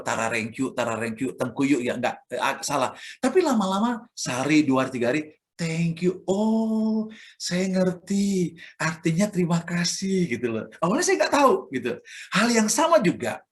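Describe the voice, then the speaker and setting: A man with an Indonesian accent, a church elder preaching a sermon who acts out sounds and examples as he speaks. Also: fairly high pitch.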